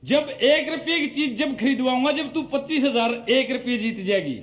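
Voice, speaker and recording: A man's voice: very high voice, expressive, normal speed, fairly bright tone, roomy sound. A man with a Haryanvi accent hosting a comic game show. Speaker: quiz show host.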